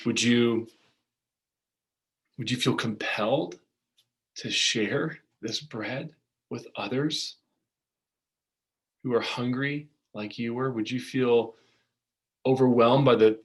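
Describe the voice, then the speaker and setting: Man, preacher, storytelling sermon, slow pace, soft-spoken, long pauses. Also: mid-range voice, husky.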